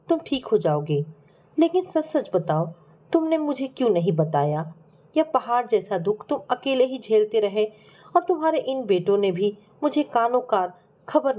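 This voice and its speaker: A woman's voice: mid-range voice, dark tone. A woman voicing a grieving, devoted middle-aged wife who speaks in an emotional, pleading way in a family story.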